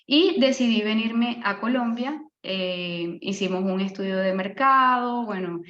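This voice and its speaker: A woman's voice: mid-range voice, measured pace, fairly bright tone, reverberant, lo-fi sound. Earnest Venezuelan woman in her thirties. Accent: Venezuelan, from Maracaibo. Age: 30s. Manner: earnest, faith-filled, with frequent fillers and restarts. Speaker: speaker giving a testimony on a live online session. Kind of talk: personal testimony presentation.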